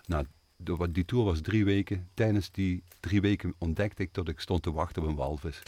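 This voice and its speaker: A man telling stories as a guest in a conversational interview, earnest and animated, with frequent hesitations. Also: sits low, moderate pace. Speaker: guest, theatre maker and composer.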